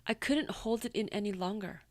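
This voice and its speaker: A woman reading a first-person true story aloud with steady narration, raising her voice a little for quoted lines. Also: medium pitch, a little fast, no room sound.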